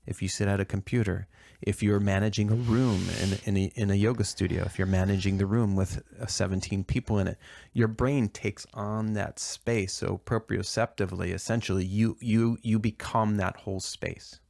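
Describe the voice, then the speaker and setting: Man, body-worker co-host, gravelly, thinks aloud with restarts. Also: lowish voice, fairly even intonation, moderate pace, darkish tone, dry recording, studio quality. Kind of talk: reflective podcast conversation.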